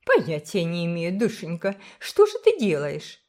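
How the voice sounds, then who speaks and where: A woman voicing a brisk, kindly older village woman who speaks firmly and emphatically. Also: on the low side, huge pitch swings, darkish tone. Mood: emphatic. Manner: firm, emphatic, motherly.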